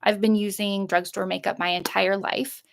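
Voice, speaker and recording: Middle aged lady doing an unboxing chat, lots of vocal fry, mid pitch, rambles and circles back. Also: level tone, normal speed. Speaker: vlogger showing a shopping haul.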